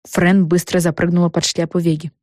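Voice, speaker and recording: A woman reading a children's book aloud with lively, expressive storytelling. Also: fairly low pitch, brisk, dry recording, clean studio sound. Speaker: audiobook narrator. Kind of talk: scripted narration.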